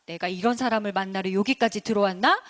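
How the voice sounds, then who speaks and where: A woman's voice: mid-range voice, quick pace, fairly bright tone, voice pushed down, natural voice. A woman voicing a grumpy, arrogant grown man in a children's story who snaps curtly at everyone. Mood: snappish. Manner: curt, snapping.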